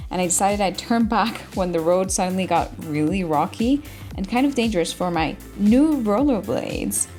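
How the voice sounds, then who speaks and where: Young woman, casual vlog style, chatty, informal, self-deprecating, mid-range pitch. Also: darkish tone. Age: young adult. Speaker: vlogger. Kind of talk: casual vlog narration and chat.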